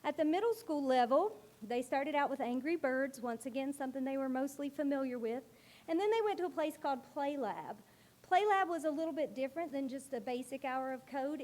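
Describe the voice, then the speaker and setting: Addressing a board meeting, a woman school librarian speaks in a high-pitched, loud voice that carries. She comes across as earnest, taking care to explain.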